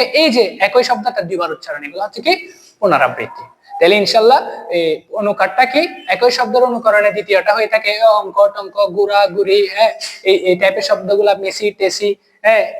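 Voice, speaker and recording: A man with a Bangladeshi accent teaching an online grammar lesson, asking quiz questions and answering them himself. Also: sits high. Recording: long reverb.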